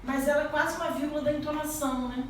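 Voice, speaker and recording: This Brazilian woman teaches a grammar lesson at a fast clip, her high-pitched voice keeping fairly even intonation as she poses rising questions to the class. She has a Brazilian Portuguese accent, and the distant mic picks up an echoey room with slight background noise.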